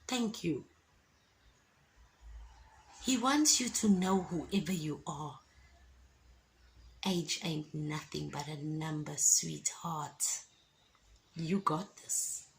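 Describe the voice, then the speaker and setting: A fifty-something woman shares a faith testimony in a casual vlog. Her voice is gravelly and fairly low, and she talks slowly, with emphatic, encouraging asides. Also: slight background noise. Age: 50s. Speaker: vlogger giving a testimony.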